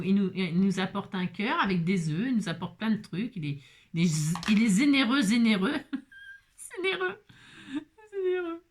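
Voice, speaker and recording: Brief: woman craft host, fairly high voice, jokey, chatty, talks straight to camera. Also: a bit bright. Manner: chatty and self-mocking, jokes and laughs often; repeats words, talks directly to viewers. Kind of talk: casual crafting tutorial.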